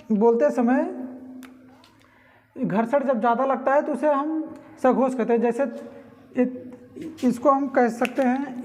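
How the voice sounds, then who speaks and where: A woman teaching Hindi grammar, explaining consonant types and slowly sounding out syllables to demonstrate them. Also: on the high side, darkish tone. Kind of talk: classroom-style lesson explaining consonants.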